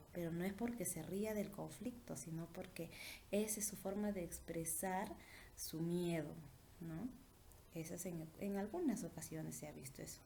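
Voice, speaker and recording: Woman teacher, mellow tone, lively questioning delivery, faint room noise. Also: medium pitch. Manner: rhetorical questions with tag "¿no?"; lively rising and falling emphasis. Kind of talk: online class lesson.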